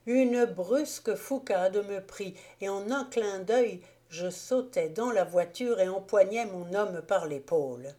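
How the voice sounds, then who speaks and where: A woman narrating an audiobook novel in a measured, even storytelling manner. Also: mid-range voice. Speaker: audiobook reader. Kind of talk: scripted narration.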